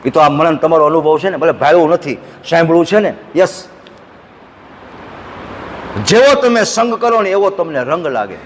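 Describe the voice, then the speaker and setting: Preacher guy, high voice, telling folksy stories, long echo in the hall. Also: animated, slight background noise. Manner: storytelling with folksy asides, breaks into slow sung verses. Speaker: preacher at an ashram. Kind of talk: devotional sermon with chanted verses. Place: ashram hall.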